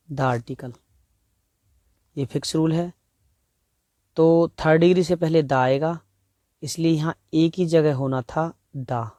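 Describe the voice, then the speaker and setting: Slow, measured Indian male grammar teacher. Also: fairly high pitch, warm tone, no echo, clean studio sound. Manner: slow, explanatory, reads example sentences word by word. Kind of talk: exam-prep grammar lesson.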